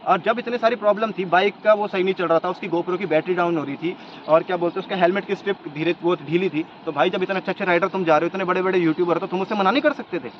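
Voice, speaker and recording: Out on location, a young man with a high-pitched voice fires off his arguments in rapid succession for a commentary vlog, stacking one point on the next. The audio is lo-fi, slightly dull, with faint noise.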